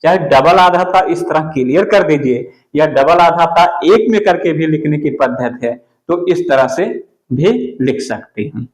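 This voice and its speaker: A man teaching an exam-prep spelling lesson, going slowly and repeating each word. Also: a little high, expressive, reverberant, low-quality recording. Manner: slow, deliberate, repeats words for the student.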